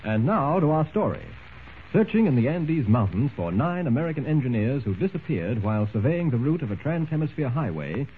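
A man narrating a story in a dramatic, measured way, heard as an old radio show broadcast. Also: on the high side. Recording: tinny old radio recording with faint hiss.

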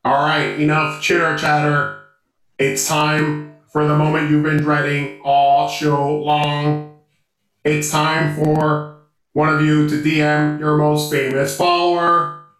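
A man voicing a bossy male robot that picks players, with a computer-processed robot voice, slow and announcing, making beeping sounds. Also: a little high, completely flat delivery. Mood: commanding. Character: bossy male robot game-show picker. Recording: echoey with loud guitar music.

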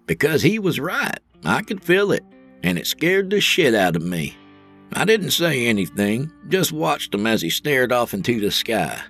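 A man's voice: mid-range voice, a little slow, husky, faint music behind. A man narrating an audio drama in the first person, wry and colloquial. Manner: wry, colloquial storytelling with animated swings.

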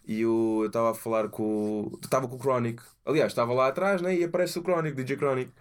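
A man's voice: mid-range voice, quick pace. A middle-aged man, chatting casually as a podcast guest in slangy speech and acting out what people say. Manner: slangy, animated retelling with acted-out quotes. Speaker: podcast guest, hip-hop producer. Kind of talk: casual chat.

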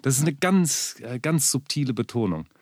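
A man chatting casually as a podcast co-host, rambling and halting with many restarts and fillers. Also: mid-range voice, very animated, dry recording, clean studio sound. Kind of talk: casual chat. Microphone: studio microphone.

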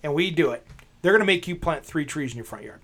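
A man with a somewhat high voice hosts a relaxed podcast chat. He tells jokey stories and laughs a lot. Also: fast. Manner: jokey storyteller, laughs often. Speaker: podcast host. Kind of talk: casual chat.

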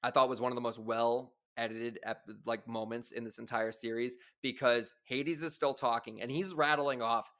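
A man's voice: medium pitch, fairly even intonation, normal speed, hardly any pauses, a bit bright. A man hosting a podcast, talking through details in an enthusiastic, analytical way in casual chat. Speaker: podcast host.

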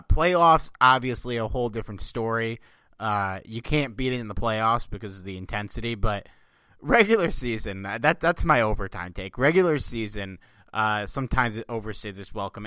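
A man's voice: mid-range voice, expressive, normal speed, sharp tone, no room sound. An American man hosting a sports podcast, chatting casually in a rambling way full of fillers. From US East Coast. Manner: rambling, profane, filler-heavy.

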